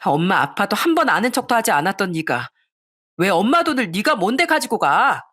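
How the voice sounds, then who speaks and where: A woman reading a young woman who shouts contemptuously at her sister-in-law. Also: medium pitch, very animated, fairly quick, breathy edge.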